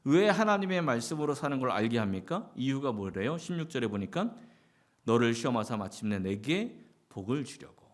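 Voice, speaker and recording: Male pastor in a Sunday sermon, middle pitch, animated intonation, question-and-answer preaching style. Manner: asks the congregation many questions and answers them himself; lively, rising and falling delivery with short acted-out quotes.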